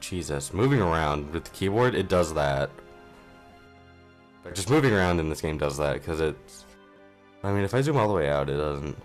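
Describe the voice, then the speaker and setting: A man's voice: extremely low pitch, expressive, moderate pace, pauses often, soft background music. A young man giving casual, rambling let's play commentary at home, offhand and self-deprecating, on a modest mic. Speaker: gaming channel host.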